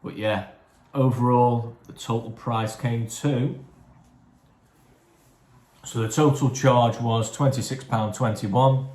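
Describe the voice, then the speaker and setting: A man casually talking through a takeaway food review for his vlog, chatty and relaxed, sometimes talking with his mouth full. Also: mid-range voice, slow pace, long pauses, echoey room. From England, near Chester.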